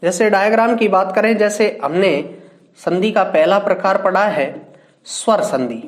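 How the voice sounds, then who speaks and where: Slow, high-voiced male teacher. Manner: asks questions and answers them himself; slow, drawn-out word examples. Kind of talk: classroom grammar lesson. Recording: echoey room.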